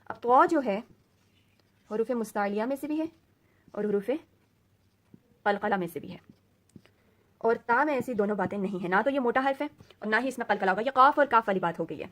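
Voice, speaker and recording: A woman teacher with a fairly high voice leads a recorded Quran reading lesson. She explains slowly and patiently, dropping English words into her teaching. She repeats each letter sound again and again so learners can copy it. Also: fairly bright tone.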